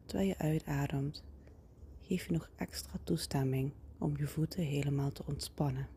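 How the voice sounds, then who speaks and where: Woman whispering a guided meditation right in your ear, mellow n low, slow and soothing, some noise behind. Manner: slow, soothing instructions with pauses. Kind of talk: guided body-scan relaxation, whispered.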